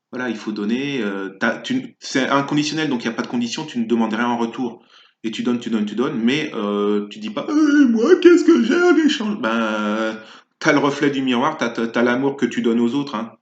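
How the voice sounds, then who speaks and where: A man talking in a casual spoken monologue as a spiritual vlogger, rambling and hesitant, full of fillers and restarts. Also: mid-range voice. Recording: echoey, slightly muffled room sound.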